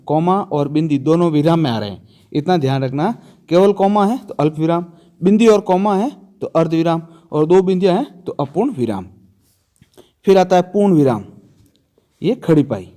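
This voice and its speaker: A man with a fairly high, mellow voice is giving a grammar lesson for an exam. He keeps asking his students questions and answering them himself, leaning on the key terms and repeating them.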